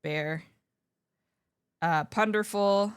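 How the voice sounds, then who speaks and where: A woman's voice: mid-range voice, drawn-out words, clear, resonant tone, no echo, studio quality. A woman livestreamer chatting casually with her viewers in a playful, slangy gamer manner, scattered and often interrupting herself. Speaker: livestreamer hosting an art stream.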